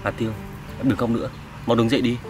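A man voicing a gentle older brother who comforts his sister and apologizes. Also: medium pitch, flat delivery, quick pace, far from the mic, music in the background, lightly acted. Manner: soothing, apologetic.

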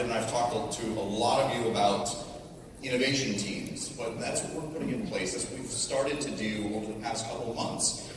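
A middle-aged American tech executive gives an informal keynote from a large hotel ballroom stage, his lowish voice slightly hoarse and his delivery conversational. He restarts lines for emphasis and caps points with "right?". The PA sound reaches a distant audience camera, so the recording is echoey and noisy.

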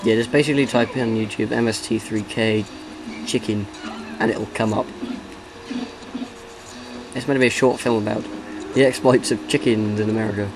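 A man's voice: lowish voice, steady tone, normal speed, long pauses, over music. A man giving casual let's-play commentary as he plays, rambling and joking and breaking into bits of song. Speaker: game commentator. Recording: noisy home recording.

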